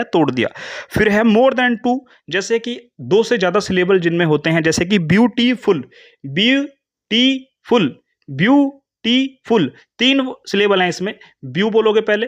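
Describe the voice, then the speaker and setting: A man with an Indian English accent teaching an English grammar lesson in Hindi, explaining step by step and reading English definitions slowly. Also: sits high, a bit bright. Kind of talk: classroom lecture in Hindi mixing English terms.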